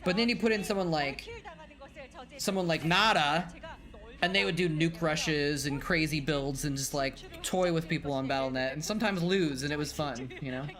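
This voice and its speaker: Watching old matches on stream, a former game caster chats casually, rambling and self-correcting while reading viewer messages aloud and replying. After hours of talking his voice is tired; it's a little high, a bit bright, at normal speed.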